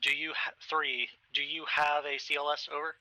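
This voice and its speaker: Male player, helmet-radio comms, terse procedure, level delivery, sharp tone. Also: a little high, flat delivery, normal speed, no echo, poor audio. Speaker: player in a military simulation game.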